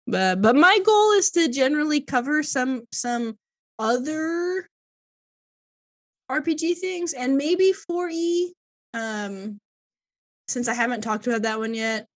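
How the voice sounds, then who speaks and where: A woman's voice: high voice, animated, slow, long pauses, no echo. A woman co-hosting a podcast in casual chat, rambling and laughing often. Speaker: podcast co-host.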